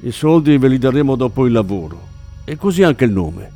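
A man's voice: mid-range voice, very animated, fairly quick, mellow, faint music behind, voice pushed up. A man voicing a menacing middle-aged gang boss with a tense, clipped delivery. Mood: grudging.

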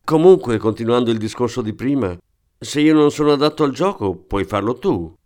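A man reading aloud and voicing an eager, clumsy small-time thief with a wheedling, excitable manner. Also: medium pitch, a little fast, pitched above the performer's own voice, natural voice. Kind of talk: audiobook character voice.

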